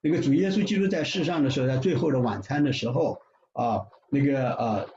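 A man preaching a sermon in an emphatic, repetitive way, with frequent drawn-out fillers. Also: mid-range voice, darkish tone, a little hiss or hum. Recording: roomy, dull sound with faint ambience.

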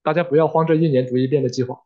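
A man interpreting a sermon live, with fillers and quick self-corrections. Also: fairly high pitch, fairly even intonation, phone-quality sound.

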